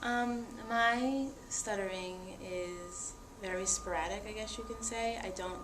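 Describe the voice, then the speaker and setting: Speaking a little slowly at medium pitch, a young interviewee shares earnest reflections about herself. The personal testimony unfolds in conversation, and the room sounds echoey with a hint of noise.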